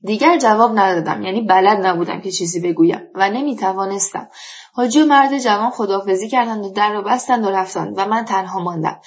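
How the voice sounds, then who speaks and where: A woman narrating a story in a calm, measured reading. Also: medium pitch. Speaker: audiobook narrator. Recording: dull lo-fi recording.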